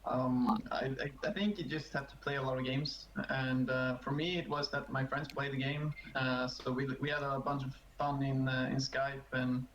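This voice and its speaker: A man on a gaming talk show giving steady, matter-of-fact advice in casual chat, heard through a roomy, dull lo-fi mic. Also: medium pitch, normal speed, hardly any pauses, a little hiss or hum.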